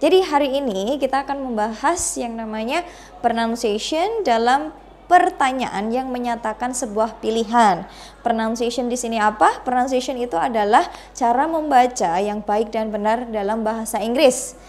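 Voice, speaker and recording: Indonesian-accented woman, English teacher, fairly high voice, slow model sentences for students to repeat. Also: a little mellow, slight background noise. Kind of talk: bilingual classroom lesson.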